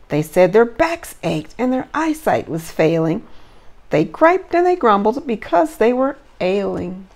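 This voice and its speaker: Woman reader as old jolly Santa, worried and flustered, slow storybook delivery with lively swings. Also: on the high side, gravelly, heavily acted. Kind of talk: children's storybook read-aloud.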